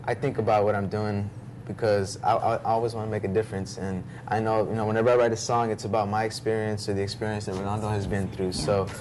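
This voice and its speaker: A man's voice: lowish voice, flat delivery, fast, a little mellow, a little hiss or hum. A young man giving a casual interview as a musician guest, earnest and polite. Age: young adult. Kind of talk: casual talk show interview.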